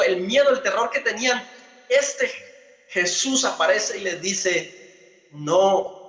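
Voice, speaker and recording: Bright-voiced male pastor in echoey hall. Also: sits high. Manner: halting, many fillers and restarts. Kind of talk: sermon. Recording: echoey room with long reverb.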